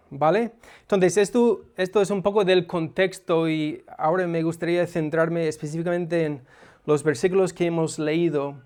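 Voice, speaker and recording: With a smooth, resonant, high voice, a preacher walks through his text in an expository sermon. His manner is relaxed and instructive instead of forceful, conversational, and punctuated by frequent small hesitant pauses.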